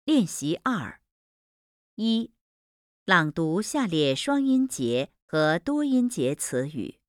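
A woman reads language-lesson drills aloud at a very slow, deliberate pace. Her pitch moves a lot from word to word, and each syllable is carefully enunciated. The recording is dry and close, with no room sound. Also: big pitch swings, no room sound. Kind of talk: slow, careful textbook reading.

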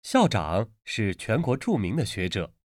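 A man's voice: fairly low pitch, sing-song, a little slow, dry recording, studio quality. A man reading drill words and sentences for a pronunciation lesson, enunciating each one carefully in a textbook-recording style. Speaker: Mandarin pronunciation lesson reader. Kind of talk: slow, deliberate textbook recording.

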